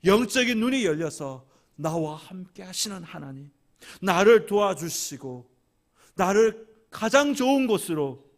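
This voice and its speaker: High, lively man preaching a sermon. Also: unhurried. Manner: dramatic swings from hushed whispers to loud emphatic climaxes; rhythmic repetition of phrases. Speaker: senior pastor. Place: church sanctuary.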